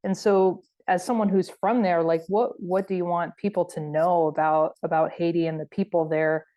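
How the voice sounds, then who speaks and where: A woman with a somewhat low voice hosts a conversational interview. She asks her questions in a friendly, curious, casual manner. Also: steady tone, normal speed, dark tone.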